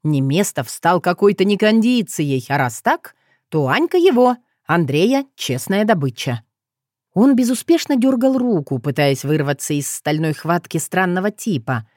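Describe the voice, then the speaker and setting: A woman's voice: on the low side, lively intonation, normal speed, a little mellow, no echo, clean studio sound. A woman narrating an audiobook, reading expressively and voicing the dialogue. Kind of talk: scripted narration.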